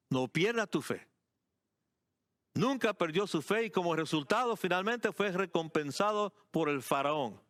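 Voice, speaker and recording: A man preaching a sermon as pastor, emphatic, repeating key phrases and moving between slow, deliberate words and quick bursts. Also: a little high, fairly bright tone, no echo, studio quality.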